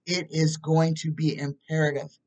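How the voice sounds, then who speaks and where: A woman's voice: low-pitched, flat delivery, normal speed, a little mellow, far from the mic, low-quality recording. A woman in her fifties, a tarot reader, talking casually to her webcam at home and driving points home with repeated checks. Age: 50s. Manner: emphatic, repeats points with "okay?". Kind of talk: casual talk to camera. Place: small room at home, indoors. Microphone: webcam at desk distance.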